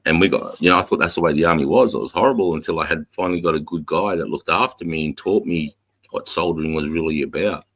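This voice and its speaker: A man's voice: rumbling low, fast, fairly bright tone. An Australian man in his forties chatting casually and bluntly, swearing heavily and using blokey Aussie slang. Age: 40s. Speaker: military veteran and podcast talker. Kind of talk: casual chat.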